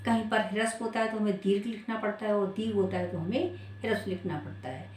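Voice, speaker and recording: A woman's voice: medium pitch, quick pace, darkish tone, a little hiss or hum. A woman teaching a spelling lesson, asking her students questions and then answering them herself. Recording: echoey room, voice from far off.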